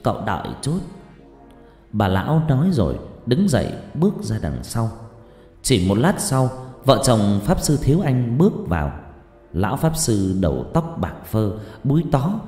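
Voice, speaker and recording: A man's voice: medium pitch, huge pitch swings, moderate pace, warm tone. A man narrating a scripted horror story with dramatic delivery. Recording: echoey hall reverb with music.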